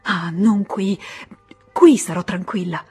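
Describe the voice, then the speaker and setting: A woman's voice: on the low side, slow, a little mellow, slightly rough, faint music behind, full character voice. A woman voicing a frightened young wife who speaks in short, breathless bursts. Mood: anguished.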